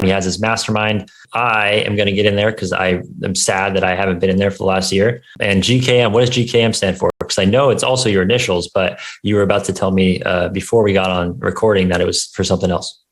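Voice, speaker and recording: A man hosting an interview show, talking in an informal, conversational way. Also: on the low side. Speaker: show host. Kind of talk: casual interview chat.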